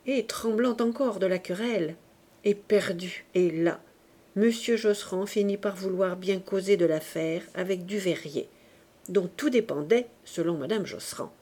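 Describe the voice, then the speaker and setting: A woman narrating a classic novel in steady, expressive storytelling. Her voice is warm and mellow, at an ordinary middle pitch. The reading is measured and clear. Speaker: audiobook reader. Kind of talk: scripted audiobook narration.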